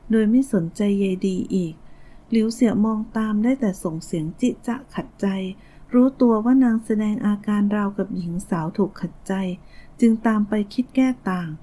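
A woman narrating a novel audiobook in a steady storytelling manner. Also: medium pitch, normal speed, rough recording. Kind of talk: scripted narration.

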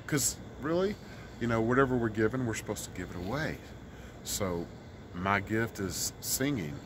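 Middle-aged man from Mississippi, street musician, earnest and rambling; outdoor city park recording with clear street noise. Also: lowish voice, animated, moderate pace. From Mississippi, US South. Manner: earnest, rambling, many fillers. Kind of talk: casual street interview.

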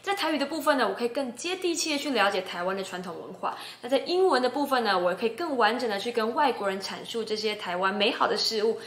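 A woman's voice: fairly high pitch, animated, fast, hardly any pauses, fairly bright tone. Taiwanese woman vlogger with a Taiwanese Mandarin accent, emphatic and upbeat in delivery, recorded in an echoey room. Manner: emphatic, chatty, encouraging. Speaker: YouTuber and English-language host. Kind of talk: casual talk to camera. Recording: roomy echo.

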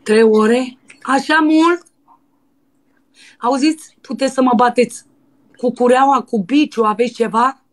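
A woman putting on a brazen, lustful young dancer in a prank phone call, pushy and breathy. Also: sits high, long pauses, close to an everyday voice. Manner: pushy and breathy, with crude demands. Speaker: prank caller.

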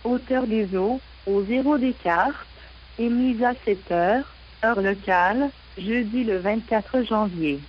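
A woman reading navigation warnings in a measured, even announcer delivery over a VHF marine radio broadcast. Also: a little high, highs cut off, a little hiss or hum.

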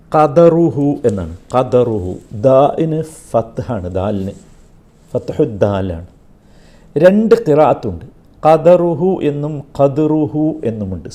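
A man leads a Quran commentary class. His pitch sits a little high and moves around a lot, over a mellow, dark tone. He keeps asking his listeners rhetorical questions and slows right down to recite Arabic with care. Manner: recites Arabic slowly and carefully. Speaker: Quran teacher.

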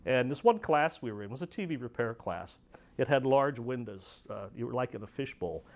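A man, a former student, telling a story in an interview with animated quotes. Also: mid-range voice, normal speed. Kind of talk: anecdotal interview.

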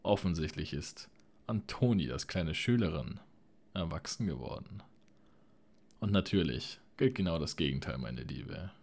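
Guy doing a silky old necromancer, purrs his threats, super deep. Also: lively intonation, measured pace, exaggerated voice. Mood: silky menace. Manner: soft, purring delivery. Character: smug old male necromancer, silky and menacing.

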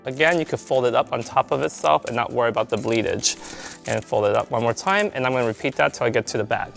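A man's voice: mid-range voice, fast, vocal fry, fairly bright tone, faint music behind. Chatty man teaching hair color. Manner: chatty, checks in with "right?" and "you guys". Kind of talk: salon hair-color tutorial.

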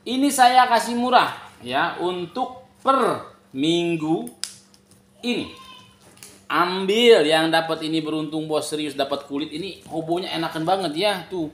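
A young man hawks his wares in a slow, emphatic sales patter, stretching out key words. His voice sits a little high. It bounces around a hard, echoey living room as he talks into a phone. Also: fairly bright tone. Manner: repetitive, emphatic hawking with drawn-out key words. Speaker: online bag seller. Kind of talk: informal live sales pitch. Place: large tiled living room, indoors. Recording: echoey room, some background noise.

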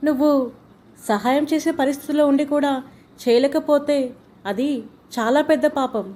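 A woman's voice: fairly high pitch, fairly even intonation, normal speed, warm tone, close to an everyday voice. A woman playing a devout mother scolding her grown son with earnest, preachy warnings, in an amateur short drama. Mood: stern preaching.

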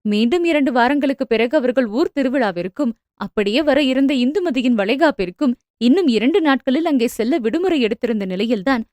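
Woman narrating a novel, fairly high voice. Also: animated, a little fast, a little mellow, no echo.

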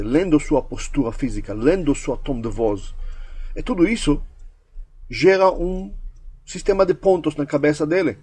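A man's voice: on the high side, darkish tone, breathy edge. A man teaching a course, speaking emphatically in a coaching manner and acting out short example dialogues. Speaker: language course instructor. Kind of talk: instructional talk.

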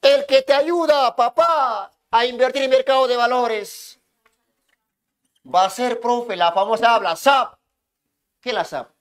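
A man lecturing a classroom as economics teacher, hushing students and repeating himself to make points stick. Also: extremely high pitch, unhurried. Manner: keeps hushing and calling on students, repetitive.

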